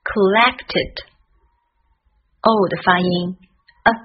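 A woman teaching English pronunciation in a careful lesson, spelling out letters and modeling each sound slowly. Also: medium pitch, husky. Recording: dull, lo-fi recording.

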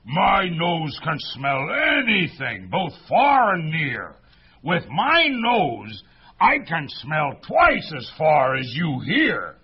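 A pompous storybook bear, as a man acts him out, bragging slowly in a high, raspy voice that leaps all over the place. The lo-fi recording sounds dull. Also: huge pitch swings, exaggerated voice. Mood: boastful. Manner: boastful, drawn-out.

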